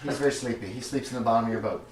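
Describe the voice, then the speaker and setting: A man running a tabletop game as game master, explaining things to players in a casual, halting way. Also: medium pitch. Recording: roomy, distant mic, noisy background.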